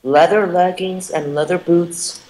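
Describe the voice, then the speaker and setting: This casual gameplay commentary comes from a gamer and channel editor trading sarcastic digs over voice chat and panicking when his character is threatened. He has a high-sitting, darkish voice with fairly even intonation and an unhurried pace, captured in poor audio.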